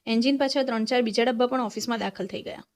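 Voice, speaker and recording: A woman's voice: on the high side, steady tone, fast talker. A woman storyteller reading a short story aloud and voicing each character's lines.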